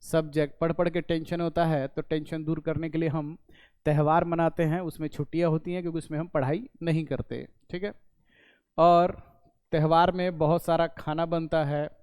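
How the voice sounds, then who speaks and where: A man's voice: a little high, level tone, normal speed, darkish tone, smooth, no echo. A man teaching an English class, explaining step by step, repeating points and answering his own questions. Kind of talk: classroom lesson explaining in Hindi.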